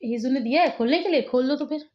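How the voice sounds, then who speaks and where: Chatty mother vlogging at home, high voice. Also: fast talker, a little mellow, lo-fi sound. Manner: chatty, laughs often, coaxing with her children. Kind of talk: casual home vlog chat. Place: at home with children around.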